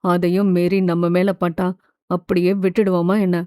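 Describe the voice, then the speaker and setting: A woman narrator voices a young man who gently urges his crying older sister to be strong. The tone is earnest and mellow, recorded close and dry for an audiobook. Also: fairly low pitch, level tone, moderate pace, dry recording, pitched below the performer's own voice, natural voice. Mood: reassuring. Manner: earnest, coaxing, reassuring. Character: young man, protective loving younger brother.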